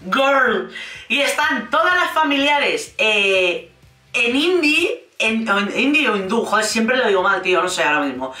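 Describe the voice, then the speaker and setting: With a Spain Spanish accent and an expressive, pushed, bright voice on the high side, a woman comments on a reality show at a measured pace. She's casual and sarcastic, swearing freely and acting out what she quotes. Room echo is noticeable, and she sits a bit back from the mic.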